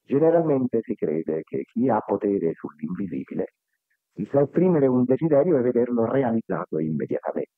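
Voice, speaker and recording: A man giving a slow, declamatory spiritual discourse, heard from an old worn tape recording. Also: medium pitch, very animated, dry recording. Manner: slow, deliberate, declamatory oratory. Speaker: spiritual speaker. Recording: tinny, thin 1970s tape recording.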